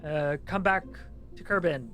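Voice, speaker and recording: A man's voice: a little high, measured pace, a bit bright, faint music behind. A man streaming a game with a co-host, casually talking himself through each step and swearing now and then. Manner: narrates each step under his breath, easygoing and swearing.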